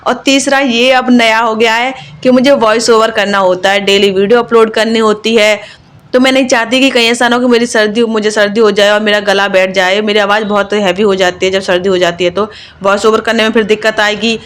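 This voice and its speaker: A woman's voice: mid-range voice, flat delivery, a little fast, fairly bright tone. A woman and mother narrating her own home vlog in a chatty, confiding voice-over, with lots of fillers. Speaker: vlogger, mother.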